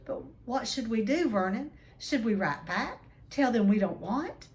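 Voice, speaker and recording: A woman's voice: a little high, sing-song, unhurried, darkish tone, pitched above the performer's own voice. A woman voicing a fretful, easily shocked middle-aged aunt with a quivering voice in a storybook reading. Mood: fearful, anxious.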